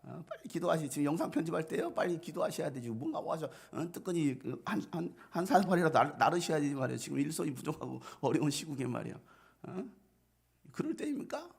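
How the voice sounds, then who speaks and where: An impatient, complaining disciple, voiced by a man in a raised, gravelly pitch. He throws out exasperated questions one after another, with husky edges on the words. His voice swings widely as he presses his demands. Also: big pitch swings, fast talker, full character voice. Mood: indignant.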